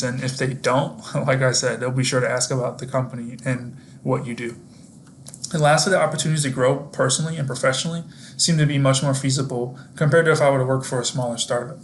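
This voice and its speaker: A man's voice: mid-range voice, a little hiss or hum. A young man presenting his internship work in a scripted video, explaining things to viewers directly in an upbeat, friendly way. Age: young adult.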